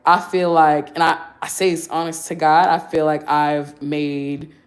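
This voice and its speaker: A woman's voice: sits low, little pitch movement, measured pace. A woman in her twenties chatting candidly on a livestream, answering viewer questions in a slangy, talkative way. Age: 20s. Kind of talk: casual livestream Q&A.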